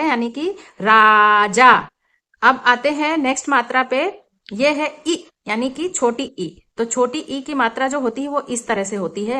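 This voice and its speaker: A woman with a fairly high voice teaches a lesson for young children. She explains with patience and stretches out each example word so it can be heard clearly. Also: sharp tone.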